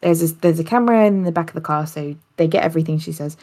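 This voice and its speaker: Gravelly woman telling a story. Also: deep voice, fast. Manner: animated storytelling, laughing often. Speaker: podcast co-host. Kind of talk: casual chat.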